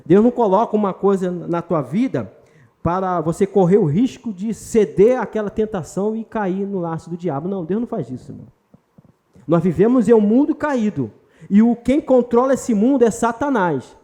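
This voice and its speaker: A man's voice: high-pitched, animated, normal speed, mellow. A man. He is emphatic but chatty, mixing jokes into his sermon and calling out directly to the congregation in front of him. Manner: emphatic and conversational, joking and addressing the congregation directly. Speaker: pastor. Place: church retreat hall.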